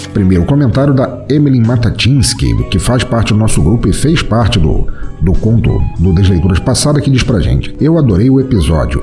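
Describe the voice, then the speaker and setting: A man with a Brazilian accent and a lowish, dark-toned voice hosts a podcast. He reads listener comments aloud and answers them in a friendly, informal, conversational way.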